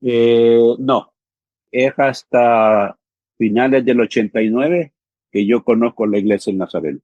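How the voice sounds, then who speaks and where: Earnest and conversational, a Salvadoran pastor in his fifties who coordinates theological education answers interview questions, often using fillers like "¿sí?" and "ujú". His voice is medium-pitched and darkish in tone, and he doesn't hurry. The recording is dry with the highs cut off.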